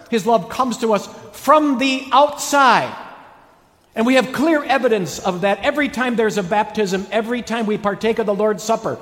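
Male pastor, high-pitched, preaching with theatrical emphasis and drawn-out key words in a long-reverb church hall. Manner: dramatic emphatic delivery with stretched key words. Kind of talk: sermon.

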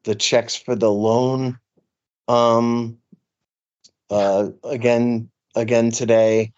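A man co-hosting a podcast, talking earnestly in casual political chat with many halting restarts. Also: mid-range voice, little pitch movement, darkish tone, lo-fi sound. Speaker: podcast co-host.

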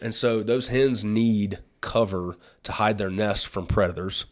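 A man's voice: fairly low pitch, measured pace. A man hosting a casual chat, explaining things in a folksy, plain-spoken way. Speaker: host and turkey conservationist.

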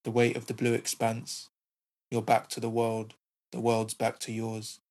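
A man of middling pitch reads spoken-word poetry. The delivery stays extremely level, with hardly any melodic movement from line to line. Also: completely flat delivery, measured pace, darkish tone. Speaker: poet and short story writer.

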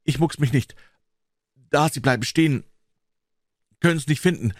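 A man's voice: expressive, normal speed, no room sound, studio quality, lightly acted. A man voicing a frightened boy who whispers nervously in a graveyard at night, in an audiobook reading. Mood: scared whisper. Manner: hushed, nervous, higher-pitched boyish voice. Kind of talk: audiobook character voice.

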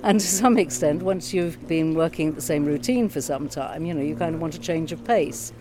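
A woman in her sixties, a retired teacher, talking thoughtfully in a relaxed outdoor chat. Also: deep voice, noisy background. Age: 60s. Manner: thoughtful, measured, reflective. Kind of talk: casual conversation. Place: garden outdoors by a pond.

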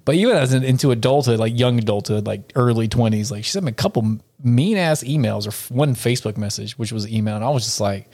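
A young man chatting casually on a podcast, cursing freely and laughing often. His voice sits at a middle pitch. He talks in a loose, rambling way. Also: quick pace, few pauses, darkish tone. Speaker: podcast co-host. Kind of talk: casual chat.

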